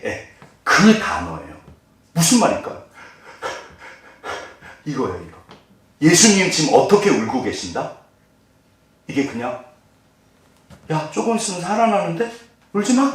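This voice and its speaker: A male pastor preaching a sermon, asking the congregation questions and answering them himself, acting out voices along the way. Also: medium pitch. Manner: animated, acts out quoted voices. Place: church sanctuary. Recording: very echoey hall, mic at a distance.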